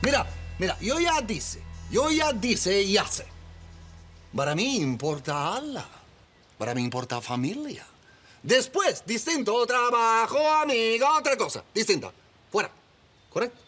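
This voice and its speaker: Un actor que interpreta a un padre inmigrante orgulloso y devoto, que habla un español roto con acento árabe, en una telenovela. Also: male voice, very high voice, husky, exaggerated voice. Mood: firm. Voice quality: broken ungrammatical Spanish, lively emphatic delivery. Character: proud immigrant father, broken Spanish, stubborn and devout. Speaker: immigrant father and shopkeeper. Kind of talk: telenovela acting.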